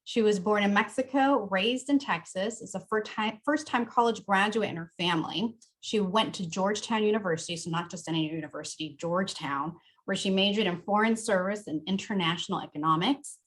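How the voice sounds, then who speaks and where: A woman's voice: mid-range voice, a little fast. Woman, talk show host, enthusiastic, friendly intro, interview.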